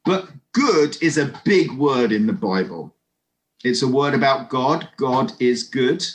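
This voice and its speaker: A man giving a lively, conversational sermon over an online video call, with friendly asides to his listeners. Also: mid-range voice, measured pace. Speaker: preacher.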